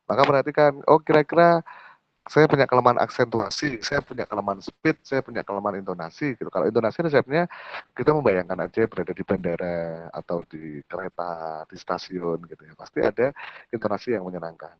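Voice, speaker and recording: A man with a Javanese accent giving an online public speaking workshop in a lively way, often slipping into Javanese asides. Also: fairly low pitch, a little fast, no echo, highs cut off. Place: home or office, video call.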